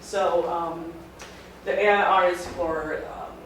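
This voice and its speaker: With a fairly low pitch, a middle-aged woman from Taiwan talks casually to students as a guest speaker, her speech halting and full of restarts. The lecture room is very echoey, the mic is distant, and steady background noise persists throughout.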